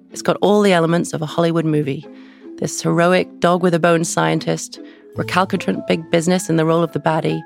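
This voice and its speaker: A woman's voice: on the low side, vocal fry. A woman, deputy editor, giving an upbeat, persuasive scripted introduction to an audio article. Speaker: deputy editor presenting the episode. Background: music.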